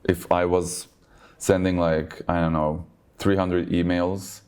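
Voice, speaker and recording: A man who grew up in Turkey answers interview questions in English, his second language. His voice sits very low, and he talks in a relaxed way, threading "like" and "basically" through his sentences. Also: takes it slowly, clean tone. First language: Turkish. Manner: relaxed, uses many fillers like "like" and "basically". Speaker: logistics business owner. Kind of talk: conversational interview. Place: conference event.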